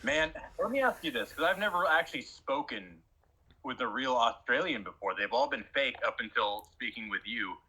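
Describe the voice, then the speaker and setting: Bright, husky-voiced man rambling. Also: mid-range voice, lively intonation, normal speed, low-quality recording. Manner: rambling, emphatic, many restarts. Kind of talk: casual conversation.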